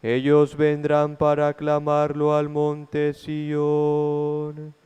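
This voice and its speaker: A man's voice: a little high, monotone, drawn-out words, darkish tone, clean tone. A man singing a psalm and acclamations as a cantor at Mass, with guitar accompaniment. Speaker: liturgical singer, cantor. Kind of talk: sung psalm and Gospel acclamation. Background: plucked guitar accompaniment.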